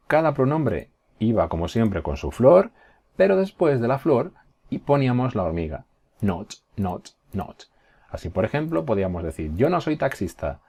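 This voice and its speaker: A male teacher giving a recorded class, patiently explaining and slowly modeling example phrases, often checking in with his students. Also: fairly low pitch, warm tone. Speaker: English teacher.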